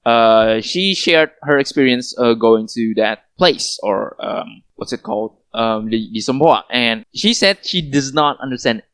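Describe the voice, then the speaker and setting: A man's voice: medium pitch, expressive, unhurried, few pauses, a bit bright, no room sound, studio quality. A young man co-hosting a casual podcast, talking with many fillers and restarts. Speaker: podcast co-host.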